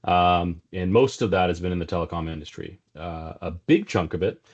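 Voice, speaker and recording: A middle-aged South African man, a sales executive, appears as a guest in a casual business interview, speaking conversationally with plenty of fillers and restarts. He has a South African accent with a slight Texas twang and a low voice at normal speed. The recording sounds dull and lo-fi.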